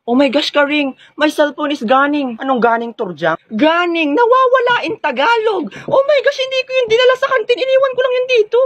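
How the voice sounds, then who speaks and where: A man's voice: expressive, moderate pace, hardly any pauses, a bit bright, dry recording. A man voicing a dramatic posh teenage schoolgirl who shrieks and mangles English into her Tagalog. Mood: alarmed. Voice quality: high shrieking voice, mixes broken English into Tagalog. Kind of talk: comedy skit voice acting.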